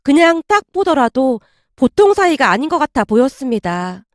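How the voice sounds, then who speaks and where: Lively high-voiced woman storyteller. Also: normal speed, dry recording, clean studio sound. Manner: dramatic first-person storytelling. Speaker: narrator. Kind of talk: scripted story narration.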